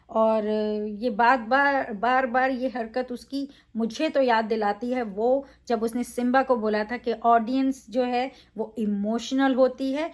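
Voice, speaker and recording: A woman's voice: a little high, darkish tone. A woman reviewing a reality show in a casual, opinionated way, emphatic, with frequent fillers.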